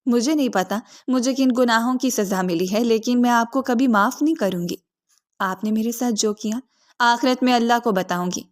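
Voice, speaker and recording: A woman's voice: on the high side, natural voice. A woman voicing a distraught young bride who speaks tearfully and reproachfully. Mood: tearful reproach.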